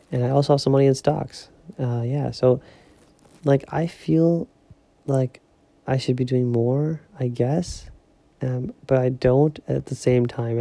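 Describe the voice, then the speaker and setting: A young man hosting a casual solo podcast, rambling with lots of fillers and keeping his voice low so he won't wake others at home. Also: creaky, dry recording. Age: young adult. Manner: rambling, filler-heavy, talking softly so as not to wake others. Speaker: podcast host. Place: home at night.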